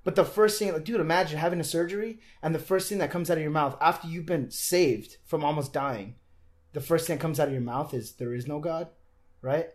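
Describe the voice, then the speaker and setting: A man's voice: a little high, brisk. A young man, a podcast guest, earnestly telling a personal faith story in casual conversation, often restarting his sentences.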